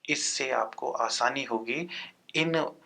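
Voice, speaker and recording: Bright-voiced man slowly drilling sounds. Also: medium pitch, vocal fry. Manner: drills sounds aloud one by one, poses and answers own questions. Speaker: teacher. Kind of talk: exam-prep grammar lesson.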